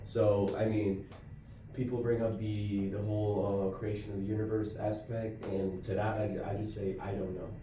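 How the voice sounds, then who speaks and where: A man's voice: fairly low pitch, level tone, moderate pace, far from the mic, background noise. A man from Colombia in a casual discussion, speaking earnestly and often restarting his words. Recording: roomy audio from off-mic.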